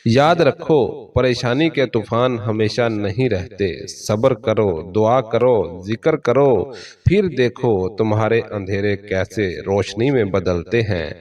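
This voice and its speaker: Solemn preaching man, low voice. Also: a little mellow, far from the mic. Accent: Pakistani Urdu. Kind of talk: scripted motivational sermon narration.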